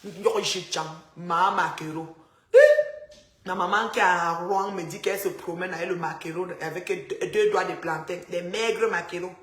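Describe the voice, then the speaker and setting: A woman, chatting and teasing her viewers on a phone live stream from a dark house. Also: lowish voice, fairly even intonation, normal speed, echoey room. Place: house with the power cut.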